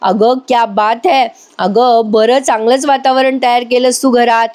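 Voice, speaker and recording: A woman's voice: a little high, steady tone, measured pace, darkish tone, close to an everyday voice. A woman voicing a mischievous young woman who talks in a gleeful, teasing way.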